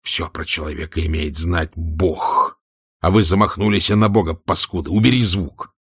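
A man voicing a furious, cursing foreign agent who shouts abuse in a car. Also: low-pitched, fairly even intonation, normal speed, slightly rough, dry recording, studio quality, heavily acted. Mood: bitter tirade. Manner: shouting, abusive.

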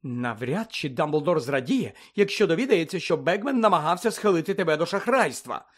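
Man doing a know-it-all teen girl, higher voice, lecturing and earnest. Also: expressive, fairly quick. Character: fussy clever teenage girl student, bossy.

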